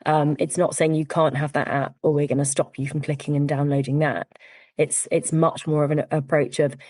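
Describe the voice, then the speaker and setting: Low-voiced woman explaining calmly. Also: no echo. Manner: measured, explanatory, frequent "um" and "you know". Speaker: cyber security firm founder, guest. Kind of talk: podcast interview.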